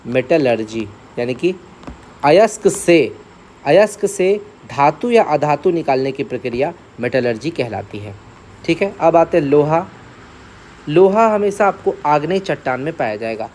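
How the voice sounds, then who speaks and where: A man's voice: on the high side, expressive, measured pace, a little mellow. A man gives an exam-prep lecture in a slightly raised voice. He lists terms one by one, repeats the important ones and keeps checking that his students follow. Faint background noise sits under the recording. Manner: repeats key terms, asks and answers his own questions; checks in often with "theek hai". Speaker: exam coaching teacher.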